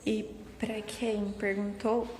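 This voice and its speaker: A woman's voice: medium pitch, flat delivery, slow pace, darkish tone. Candid young woman telling a story. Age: young adult. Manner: candid, repeats words for emphasis. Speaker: vlogger. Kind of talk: casual storytelling to camera.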